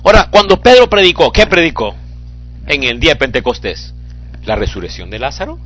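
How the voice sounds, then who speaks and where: A man delivers a fiery sermon with a fairly high, bright, forceful voice that leaps all over its range. He drops to hushed near-whispers, then surges into tearful shouting. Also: very animated, brisk. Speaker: preacher.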